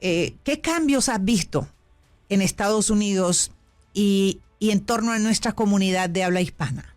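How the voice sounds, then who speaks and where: A woman from Honduras hosting a call-in radio show, speaking courteously and asking measured questions. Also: medium pitch, a little mellow, faint music behind. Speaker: radio host. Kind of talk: radio interview.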